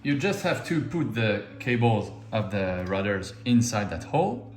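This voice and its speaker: Easygoing French-accented man, lively pitch. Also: a little slow, faint music behind. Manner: easygoing, jokes at himself, repeats each step in two languages. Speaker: RC model hobby video host. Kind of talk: bilingual step-by-step assembly tutorial. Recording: echoey room.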